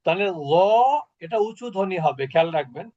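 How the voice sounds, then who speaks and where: A man's voice: a little high, expressive, fairly quick, darkish tone, lo-fi sound. A man teaching a Quran recitation class over a video call, explaining patiently and asking the class questions.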